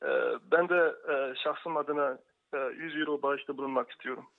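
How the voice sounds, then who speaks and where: A man's voice: a little high, steady tone, normal speed. A man phoning in politely as a donor over a thin, narrow telephone line. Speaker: phone-in donor. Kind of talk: polite live call. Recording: tinny narrow phone line.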